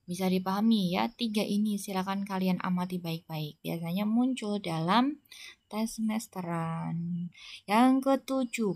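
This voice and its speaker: A woman's voice: medium pitch, no room sound. Woman teacher explaining patiently. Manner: patient, explains step by step with frequent "ya" and "jadi". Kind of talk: classroom lesson.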